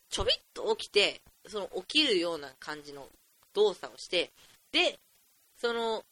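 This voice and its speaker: A teenage boy of about fifteen hosting a solo podcast, rambling in an excitable, chatty, jokey way at a desk mic. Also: high voice, no room sound. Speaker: podcast host.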